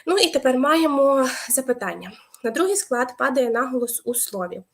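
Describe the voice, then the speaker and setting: Young woman teacher streaming a lesson, kinda high voice, patient, lots of "uh" pauses. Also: lively intonation. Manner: explanatory, waits for viewers' answers, hesitant fillers. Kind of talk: live online exam-prep lesson.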